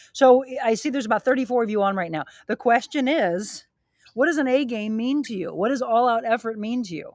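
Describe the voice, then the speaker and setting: A middle-aged woman coaching a live workout from outside her home, encouraging and energetic, a little out of breath as she exercises. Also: a little high, no room sound. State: slightly out of breath. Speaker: fitness and wellness coach hosting a live stream. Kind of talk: live-streamed workout and motivational talk. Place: outdoors at her home, by a grilling area.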